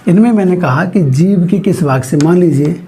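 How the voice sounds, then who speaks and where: A man teaching a grammar lesson, explaining slowly and asking his students frequent questions as he writes on a board. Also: high-pitched, dark tone, slightly rough. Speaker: Hindi teacher.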